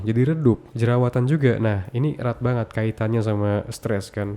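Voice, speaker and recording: Low-voiced man giving casual advice. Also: dark tone. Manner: speaks straight to the viewer in slangy, casual address; lists points one after another in short phrases. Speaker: self-improvement content creator. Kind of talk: casual talking-head advice monologue.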